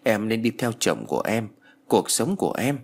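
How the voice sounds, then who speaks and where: A seductive female demon speaks in a cold, coaxing sweetness, as a man reads her in a storybook ghost tale. The voice sits low and husky and moves with lively swings of pitch. Faint music plays underneath. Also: moderate pace.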